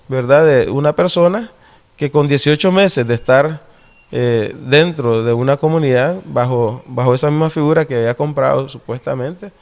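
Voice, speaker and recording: A man with a Nicaraguan Caribbean coast Spanish accent, explaining things deliberately in an interview and often checking for agreement with short tag questions. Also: medium pitch, darkish tone.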